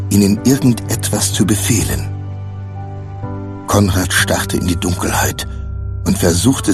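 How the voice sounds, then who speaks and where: A man reading a children's adventure story aloud with expressive scripted narration. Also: deep voice. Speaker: audiobook narrator.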